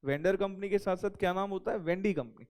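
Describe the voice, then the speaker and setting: Guy teaching accounting, high voice, asks stuff then answers it himself, dictates notes real slow. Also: steady tone, a little mellow, clean tone. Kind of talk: recorded classroom lecture.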